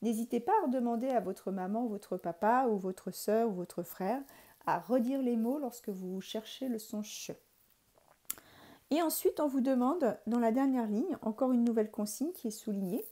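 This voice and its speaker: Woman, teacher, French accent, patient, spells out letters, mellow slightly high voice. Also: moderate pace. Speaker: primary school teacher. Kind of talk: recorded remote lesson for young pupils.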